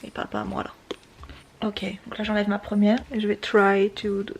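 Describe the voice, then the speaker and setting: A woman in her twenties chatting casually to her camera at home, rambling with quick asides. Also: medium pitch, monotone, slight background noise. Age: 20s. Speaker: vlogger. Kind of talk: casual vlog chat to camera. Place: indoors at home, bedroom. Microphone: handheld compact camera.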